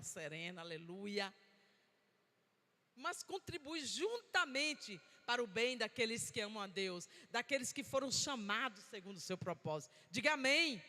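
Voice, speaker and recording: A woman's voice: fairly high pitch, sharp tone. A woman from Bahia, preaching a sermon and prompting the congregation to answer her. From Bahia, Brazil. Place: church sanctuary. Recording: long church-hall reverb.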